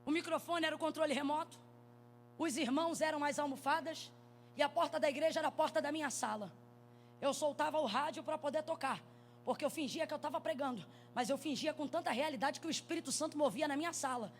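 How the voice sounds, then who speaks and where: A Brazilian woman preaching a sermon at a church conference, telling stories with a lively, animated delivery that rises into shouts. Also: high-pitched, fast talker, a little hiss or hum. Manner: animated storytelling, rising to shouts.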